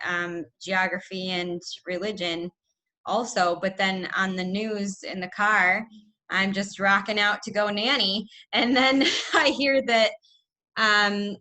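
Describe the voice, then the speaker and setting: A woman from the United States, in her thirties, talking casually and chattily with frequent laughs as a student in a video-call class. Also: medium pitch. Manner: chatty, laughs often, animated asides.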